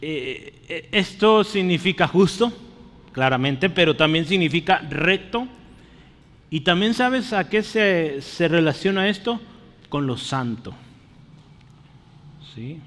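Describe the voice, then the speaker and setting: A man's voice: a little high, lively intonation, takes it slowly, long pauses, fairly bright tone, in a large hall. A man preaching a sermon earnestly, calling his listeners brother and asking them questions. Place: church.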